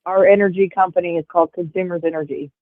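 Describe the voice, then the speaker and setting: Her lowish voice holds a steady tone and moves fast as this woman in her forties, a livestream guest, rambles through a casual chat full of fillers. She's on earbuds over a call, giving a tinny phone-line sound with no room sound.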